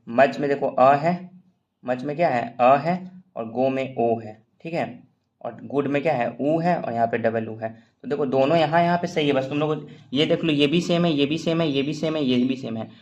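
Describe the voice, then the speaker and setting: A man's voice: mid-range voice, a little mellow, lo-fi sound. A man teaching a shorthand lesson in casual classroom style, explaining step by step and quizzing his students.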